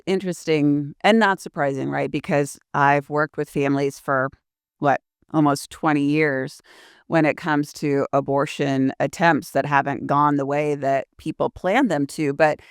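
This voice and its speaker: Woman host, middle-aged, earnest interviewer, smooth clear voice, dry sound. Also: low-pitched, steady tone, unhurried, no room sound. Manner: earnest, reflective questioning. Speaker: podcast host.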